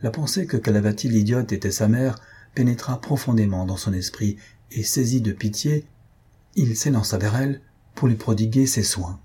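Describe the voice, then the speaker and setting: A man narrating a story audiobook in a measured, even way. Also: on the low side, husky.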